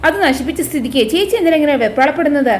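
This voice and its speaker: Worried sidekick guy, a woman reading him, careful, high voice, serial retelling. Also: very fast, a little hiss or hum, close to an everyday voice. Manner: cautious, worried. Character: anxious loyal younger brother, accomplice man.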